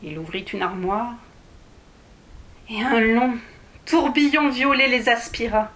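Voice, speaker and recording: Une femme qui lit un conte pour enfants à voix haute, sur un ton doux et posé. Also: female voice, fairly high pitch. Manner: slow, gentle storytelling. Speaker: storyteller. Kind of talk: reading a children's tale aloud. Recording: echoey room.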